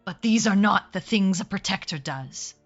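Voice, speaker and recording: A woman voicing a wary, territorial wolf in a tabletop game, speaking solemnly in short, slow, growling phrases. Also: mid-range voice, animated, muffled recording, soft background music, natural voice. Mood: stern, challenging. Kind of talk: tabletop game role-play.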